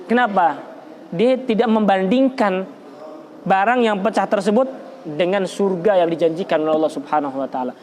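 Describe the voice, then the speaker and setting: A man leads a religious study lecture in a relaxed, conversational way, with a notably high voice. He quotes Arabic verses and then explains them. He repeats points for emphasis and often stumbles into restarts. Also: moderate pace, slight background noise. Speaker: Islamic religious teacher.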